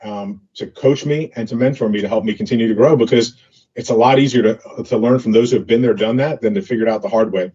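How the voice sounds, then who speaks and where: Guy rattling off business stories quick, kinda husky, dull lo-fi sound. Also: medium pitch, warm tone. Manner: fast, filler-heavy anecdotal talk. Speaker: entrepreneur guest. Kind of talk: casual interview storytelling. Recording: dull lo-fi audio.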